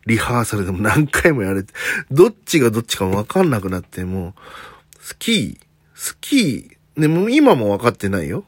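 Osaka guy rambling solo, mostly standard japanese w/ bits of kansai left, bouncy up-down pitch, dry close mic. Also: very animated, fast, hardly any pauses, breathy edge, no echo. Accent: slight Tokyo-leaning standard Japanese with faint Kansai traces. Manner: chatty, self-deprecating, frequent "un" fillers and joking asides. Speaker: comedian hosting a solo talk podcast. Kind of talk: casual solo monologue.

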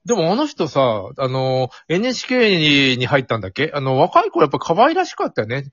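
A man hosting a casual talk show, teasing his guest in quick banter. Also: fairly high pitch, dry recording, highs cut off. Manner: fast, teasing, animated. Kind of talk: casual chat.

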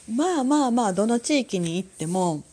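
A woman from Kansai with a Kansai accent, hosting a casual solo talk show, chatty and quick to laugh. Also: a little high, breathy edge. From Kansai, Japan. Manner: chatty, laughs often, lively sound words. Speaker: podcast host.

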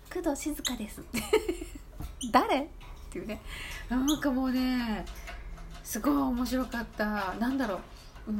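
A woman's voice: mid-range voice, darkish tone, slight background noise. A woman talking casually on her own, chatty and laughing, with many fillers and asides. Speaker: talk app streamer. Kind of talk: casual monologue.

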